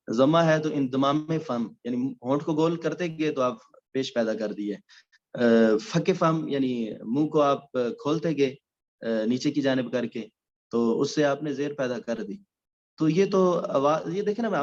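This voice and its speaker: Male teacher, slightly high voice, patient explainer, muffled low-fidelity sound. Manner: explanatory, many hesitation sounds. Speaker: Quran recitation teacher. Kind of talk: recorded lecture.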